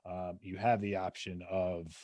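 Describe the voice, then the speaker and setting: A man hosting a podcast, earnest in casual interview chat, often trailing off quietly. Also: low voice, level tone, unhurried, no room sound, studio quality. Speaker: podcast host.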